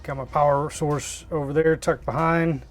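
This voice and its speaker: A man's voice: a little high, steady tone, moderate pace, soft background music. A man inside a small camper giving a casual, hands-on installation tutorial, plain-spoken and thinking aloud as he works. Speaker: DIY RV vlogger.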